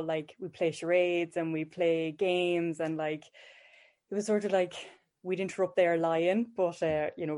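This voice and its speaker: A woman's voice: lowish voice, warm tone. A woman with a west of Ireland accent chatting casually and informally as an interview guest, telling personal anecdotes in a self-deprecating way. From County Galway, west of Ireland. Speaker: podcast guest, mental health clinician.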